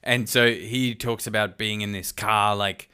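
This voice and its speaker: Smooth-voiced man riffing on jokes. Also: on the low side, steady tone, a little slow, bright, forceful tone. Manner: playful, riffs on jokes. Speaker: podcast co-host. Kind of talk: casual chat.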